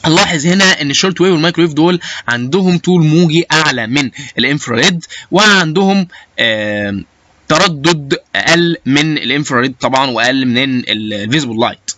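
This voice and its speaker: Speaking fast in a pushed, bright voice on the high side, this male lecturer explains biomedical engineering informally. He has an Egyptian Arabic accent and mixes English technical terms into his talk, with no room sound on the recording.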